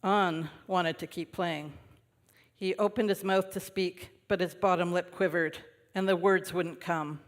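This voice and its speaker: A male minister reads a children's story aloud in a gentle, easy storytelling manner. His voice sits a little high and rings through a large worship hall with a long reverb. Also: fairly even intonation, measured pace. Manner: gentle storytelling with light, laughing asides.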